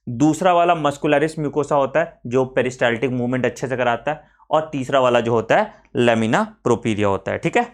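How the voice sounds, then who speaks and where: Indian man teaching biology for an exam. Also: mid-range voice. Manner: mixes Hindi with English terms, repeats key phrases, frequent "ठीक है" check-ins; slows right down to spell out technical terms. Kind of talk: online exam-prep lecture.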